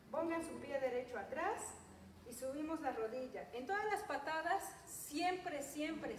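A woman with a Mexican Spanish accent leading a self-defense class, counting out reps and checking in with "ok?" between drills. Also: high voice. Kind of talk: fitness class instruction. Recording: echoey room, mic far off, noisy.

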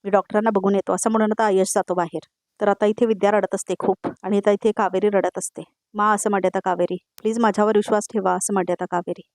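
A woman's voice: mid-range voice, flat delivery, fast talker, a little mellow, no echo, studio quality. A woman giving a voice-over recap of a TV serial, retelling each scene's dialogue one line at a time and turning to address the viewers directly.

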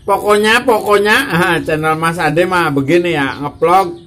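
A man's voice: sits high, measured pace, pushed and bright. A man vlogging casually with tips for beginner YouTubers, joking and repeating his phrases as he addresses viewers. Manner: jokey, repeats phrases, greets viewers as bro, guys, ma'am, sir. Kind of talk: casual chatty vlog.

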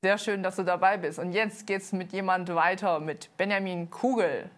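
With a fairly low, steady voice, an earnest woman in her thirties hosts a studio show while also leading a dance team. Her delivery stumbles with many fillers. She's on a TV studio set wearing a lapel mic.

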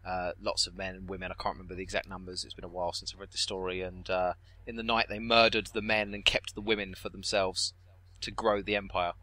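A young man with a Southern English accent talks casually on a podcast, backtracking and correcting himself as he goes. His voice sits low but sounds very bright and forceful. The sound is dry and close, with no room around it. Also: flat delivery, quick pace, no echo. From southeast England. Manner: chatty, self-correcting, trails off into asides. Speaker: podcast co-host.

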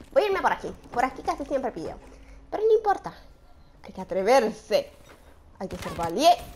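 Gamer puertorriqueña joven, comentario excitable de partida, tono muy animado, grabación con ruido del juego. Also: female voice, mid-range voice, slight background noise. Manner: excitable, shouts and shushes as she plays. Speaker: gaming channel host. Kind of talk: live gameplay commentary.

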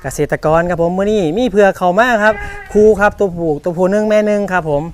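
A man with an Isan Thai accent giving a fast live sales pitch as a livestock seller, politely repeating himself. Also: fairly even intonation, darkish tone, slight background noise. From northeastern Thailand. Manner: polite, repetitive, ends phrases with polite particles.

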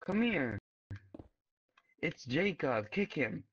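A man's voice: a little high, very animated, takes it slowly, muffled recording, slight background noise. A man in a game chat, insistent and urgent, repeating himself. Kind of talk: casual gameplay chat.

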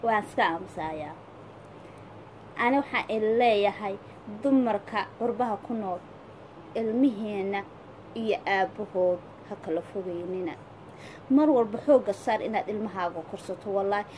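A woman's voice: mid-range voice, normal speed, pauses often, darkish tone, rough recording. A woman with a Somali accent giving casual, opinionated advice in an emphatic, pleading way, repeating phrases for stress. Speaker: social media commentator giving advice. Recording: clear background noise.

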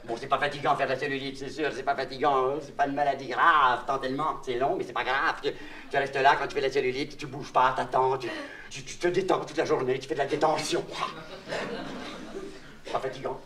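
With a crowd in the background, a man speaks at medium pitch in a fairly quick, fairly even, natural voice with a Québécois accent. He's a comedian playing a naive vagabond clown, rambling in a confiding way and punning on garbled words; the old LP recording is echoey, distant and noisy.

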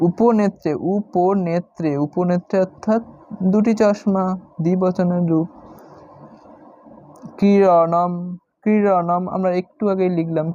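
Male teacher going slow, says every word twice, kinda high voice, muffled lo-fi audio. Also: a little mellow. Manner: slow, repeats each word several times. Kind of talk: step-by-step classroom explanation. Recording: dull lo-fi sound.

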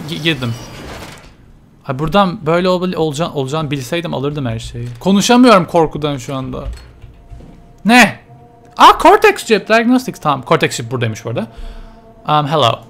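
A man's voice: on the high side, expressive, a little fast, fairly bright tone, a little hiss or hum. A man commentating a horror video game, nervous and muttering to himself as he plays. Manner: jittery, mutters to himself while playing. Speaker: let's play gamer.

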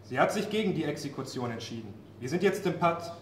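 A man reading the part of a calm male commander in a staged play reading, speaking in a soothing, measured way. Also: a little high, natural voice. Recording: roomy live café recording, faint room noise.

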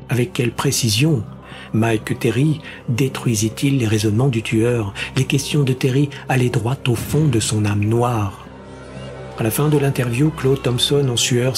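A man reading a science fiction story aloud as an audiobook narrator in a measured, even way. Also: medium pitch. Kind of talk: scripted narration.

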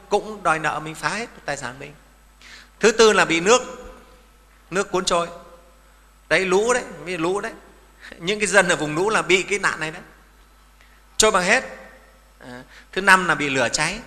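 A man's voice: fairly high pitch, bright, forceful tone, big-room sound. A middle-aged man, a Buddhist monk giving a sermon in a folksy manner, often asking his listeners questions.

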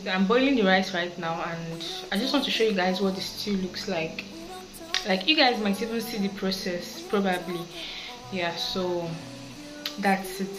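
Speaking in a mid-range voice over poor audio, a young adult student vlogger chats with her phone camera inside a small apartment room and kitchen. She stays relaxed and talkative, addressing the camera directly.

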